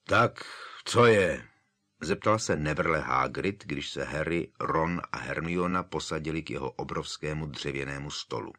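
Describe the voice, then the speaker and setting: Deep-voiced man narrating an audiobook. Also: hardly any pauses. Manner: calm, even storytelling. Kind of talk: scripted narration.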